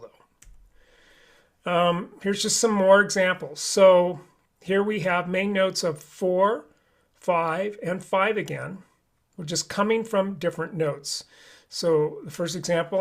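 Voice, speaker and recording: A man's voice: high-pitched, unhurried. Patient man teaching flute online. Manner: patient, step-by-step explaining. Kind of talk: live online instructional lesson.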